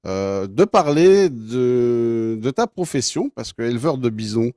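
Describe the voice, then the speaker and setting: A man hosting an interview, introducing his guest slowly with many hesitations. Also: mid-range voice, animated, dark tone, no room sound, clean studio sound. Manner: hesitant, many fillers and restarts. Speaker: interview host.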